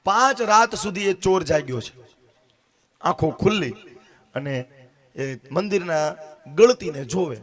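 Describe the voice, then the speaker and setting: A man's voice: high voice, expressive, a little slow, pauses often, a bit bright. A man preaching a devotional story sermon, acting out the dialogue and speaking straight to his listeners. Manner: dramatic, acts out dialogue, addresses listeners directly. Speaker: katha storyteller.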